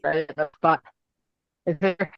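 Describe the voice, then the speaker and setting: A man speaks up on a video call whose sound keeps breaking up and cutting out, his words halting and trailing off mid-phrase. His voice sits a little high for a man and comes through a dull, muffled, dry line. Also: fairly even intonation, vocal fry, no echo. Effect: breaking-up video call audio, cutting in and out. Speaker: public commenter. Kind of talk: public comment at a county meeting.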